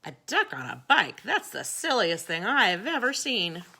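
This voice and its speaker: A woman voicing a skeptical female cow in a read-aloud picture book, loud and scoffing. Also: mid-range voice, big pitch swings, unhurried, breathy edge, full character voice.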